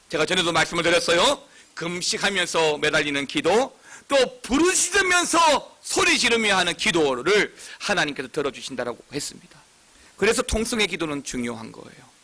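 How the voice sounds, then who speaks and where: Animated, bright-voiced male pastor preaching. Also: fairly high pitch. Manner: animated preaching, bursts into shouts and acted cries. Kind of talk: sermon.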